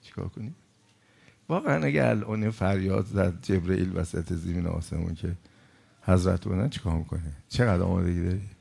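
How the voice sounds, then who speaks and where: A man preaching a sermon, passionate, moving between loud outbursts and hushed storytelling. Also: low-pitched, creaky, husky.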